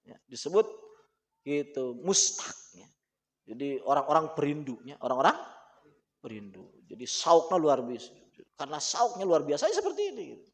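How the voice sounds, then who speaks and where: A man with a Sundanese accent teaching an Islamic book study, animated and laughing often as he mixes languages. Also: fairly high pitch, normal speed. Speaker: religious teacher.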